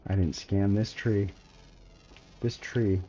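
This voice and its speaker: A relaxed male streamer talks his way through a game in an unhurried, easygoing drawl, his voice low and mellow. The stream audio is a little dull and lo-fi, with faint game music underneath. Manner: laid-back, chatty, slangy, talks to chat. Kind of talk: casual gameplay commentary.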